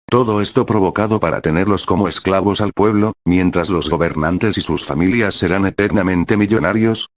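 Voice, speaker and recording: A pastor from Peru reading aloud a prophetic vision in a slow, solemn, dramatic manner. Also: male voice, low voice, no room sound, studio quality.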